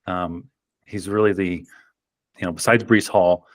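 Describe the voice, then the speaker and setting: A man's voice: sits low, steady tone, unhurried, dry recording, clean studio sound. A man hosting a fantasy football podcast, talking casually and rambling with lots of ums and restarts. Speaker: podcast host. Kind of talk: casual chat.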